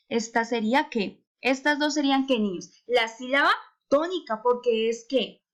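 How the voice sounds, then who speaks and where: A woman's voice: high voice, a bit bright. A woman teaching a remote lesson to young children, patiently asking rhetorical questions and drawing out words to stress their syllables. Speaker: primary school teacher.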